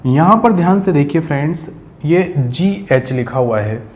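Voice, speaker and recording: A man's voice: a little high, animated, moderate pace. A man teaching English phonetics, patiently repeating key sounds and addressing viewers as friends. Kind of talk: explaining a lesson at a board.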